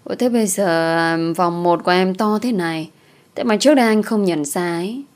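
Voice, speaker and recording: A woman's voice: on the low side, brisk, natural voice. A woman voicing a crude, taunting male ex-lover in an audio story, in a mocking, lewd manner. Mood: leering.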